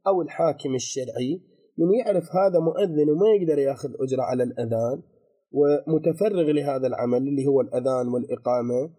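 A middle-aged man, giving a seminary lecture on a legal text and explaining slowly with repeated terms and restarts. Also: medium pitch, mellow, husky. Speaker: religious law teacher.

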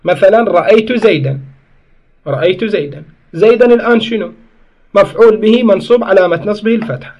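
A man's voice: high voice, brisk, dull audio. A man teaches a grammar lesson. He explains each point step by step, asks questions and answers them himself, and stops to correct his own slips. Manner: corrects himself mid-sentence.

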